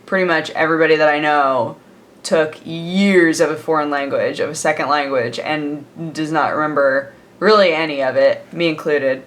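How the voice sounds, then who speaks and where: A young American woman chats casually to camera for her daily vlog, sitting at home with coffee and rambling with plenty of fillers and laughter. Her voice is low, with a steady tone at a normal speed.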